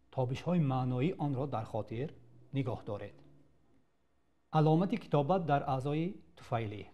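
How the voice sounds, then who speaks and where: Male Tajik teacher, mellow tone, patient classroom drill with praise. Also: medium pitch. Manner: addresses students, praises answers. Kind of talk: classroom grammar lesson.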